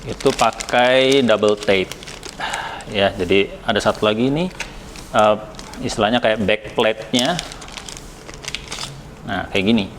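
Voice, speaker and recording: Using a fairly low voice, an Indonesian man from a helmet shop reviews a product at a measured pace, leaving long pauses. He speaks casually, hesitating and using some English words, with slight background noise.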